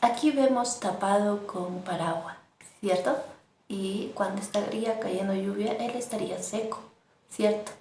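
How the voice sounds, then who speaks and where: Woman, unhurried language teacher, echoey room with faint hiss. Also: mid-range voice, darkish tone. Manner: slow and patient, repeats words for learners to echo. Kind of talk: online language lesson.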